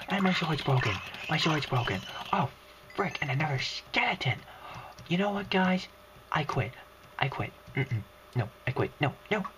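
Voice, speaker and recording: A woman whispering through a let's-play commentary, her whisper scratchy, with frustrated outbursts and mild cursing. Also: mid-range voice. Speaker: gaming video creator.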